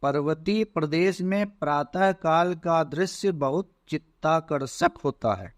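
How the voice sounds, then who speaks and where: A man teaching as he goes through an exam paper, slow and deliberate, often checking in with "theek hai". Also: a little high, no room sound, clean studio sound. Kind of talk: exam paper walkthrough lesson.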